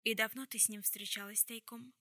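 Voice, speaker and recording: A woman's voice: a little high, steady tone, a little fast, bright, forceful tone, dry recording, studio quality. A woman reading an audiobook, voicing a stern, composed woman who speaks in a cold, level way.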